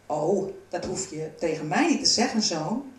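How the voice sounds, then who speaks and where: A woman's voice: on the low side, animated, moderate pace, lightly acted. A fatherly old woodcarver speaks strongly and with emphasis, kind and reassuring, as a woman reading a storybook puts him on. It sounds roomy and set back from the mic. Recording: roomy, from a distance.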